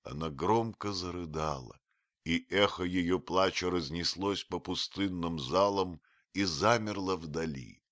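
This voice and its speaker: A man narrating an audiobook in a measured, unhurried way. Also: low-pitched, fairly bright tone, no echo, clean studio sound. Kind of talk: audiobook reading.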